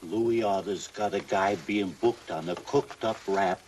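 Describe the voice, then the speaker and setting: A wry jail informant in an old crime drama. He talks slowly in sly slang, fairly low. Clear noise runs behind the voice. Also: darkish tone. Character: male jail informant, wry, cadging cigarettes.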